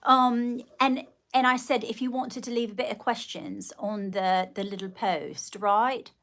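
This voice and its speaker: Middle-aged female livestream host, higher-pitched voice, chatty and effusive with viewers. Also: fairly even intonation, a little slow, fairly bright tone. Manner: effusive greetings and terms of endearment. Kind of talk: casual livestream chat with viewers.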